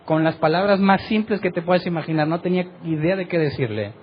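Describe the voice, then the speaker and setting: A man's voice: fairly high pitch, fast, dull audio, slight background noise. A middle-aged man gives a sermon as pastor, telling a personal story vividly and often tagging his sentences with a question. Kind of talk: sermon testimony.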